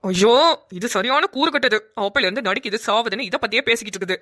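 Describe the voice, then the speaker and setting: A woman voicing a scolding, sharp-tongued village neighbor in a cartoon. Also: on the high side, fast talker. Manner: scolding, rustic. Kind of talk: cartoon voice acting.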